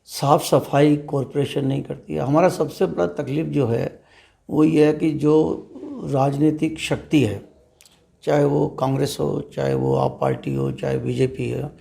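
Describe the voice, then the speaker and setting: A man, a trade representative, giving measured, emphatic interview answers and often posing rhetorical questions. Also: a little high, steady tone, vocal fry, mellow. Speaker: trader association leader interviewed as guest.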